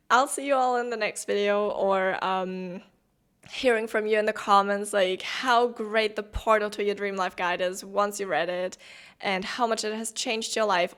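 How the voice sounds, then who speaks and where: A woman's voice: medium pitch, fairly bright tone. Woman vlogging to camera, rambly and earnest, lots of likes and ums. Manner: chatty and rambling, full of "like" and "um"; earnest and heartfelt. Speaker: spiritual coach and channel host. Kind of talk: casual direct-to-camera vlog.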